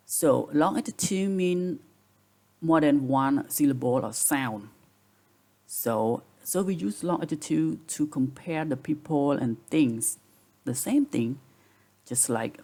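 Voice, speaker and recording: A man's voice: mid-range voice, gravelly, a little mellow. A man teaching a grammar lesson, patiently repeating rules and examples. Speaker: English teacher.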